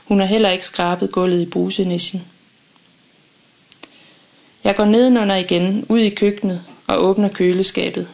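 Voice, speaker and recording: A woman reading a first-person audiobook in a calm, measured, intimate way. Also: mid-range voice, creaky. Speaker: audiobook narrator.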